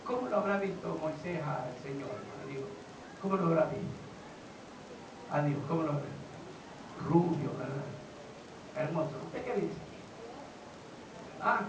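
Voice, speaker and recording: A male pastor preaching a sermon. He questions his congregation and swings from low talk to shouting. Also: expressive, unhurried, long pauses. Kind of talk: Pentecostal-style sermon. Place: church hall. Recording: roomy, distant, dull and noisy church recording.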